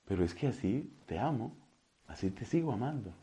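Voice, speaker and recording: A man preaching a sermon gives voice to God as a loving, forgiving father, speaking gently and intimately. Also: mid-range voice, lively intonation, fairly quick, husky, voice pushed down. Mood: tender.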